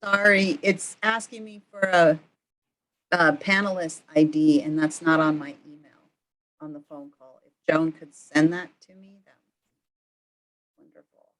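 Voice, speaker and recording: A woman with a fairly low voice speaks up in a remote committee meeting. Her words come haltingly, restarting phrases as she goes. Her connection keeps cutting in and out, so the audio drops between words. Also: fairly even intonation, poor audio. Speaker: committee member. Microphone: computer or camera mic on a video call.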